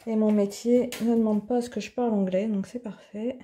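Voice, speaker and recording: A woman's voice: a little high, steady tone, a little fast, warm tone, slight background noise. A woman hosting an art tutorial in her home office, chatting casually and thinking aloud with plenty of fillers as she demonstrates.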